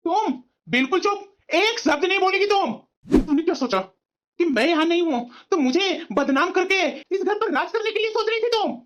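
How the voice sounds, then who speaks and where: A woman's voice: very high-pitched, animated, normal speed, muffled recording. A woman voicing an angry young husband in a family cartoon, harsh and scornful. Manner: shouting accusations, scornful. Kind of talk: cartoon voice acting.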